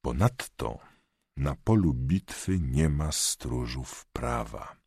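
A man narrating a thriller audiobook in a measured, expressive reading. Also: very deep voice, vocal fry, breathy edge, no room sound, clean studio sound.

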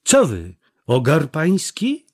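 Guy doing a proud mouthy village girl, higher voice, mocking and scolding, slow. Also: big pitch swings, darkish tone. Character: scornful young village woman, sharp-tongued and proud.

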